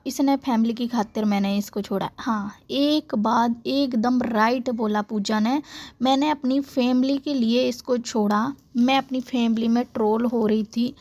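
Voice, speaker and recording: A woman's voice: fairly high pitch, a little mellow. A woman vlogger delivering a heated, confrontational rant to camera, often adding short check-ins to her viewers. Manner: heated, confrontational, repeats "theek hai". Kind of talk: angry vlog rant to camera.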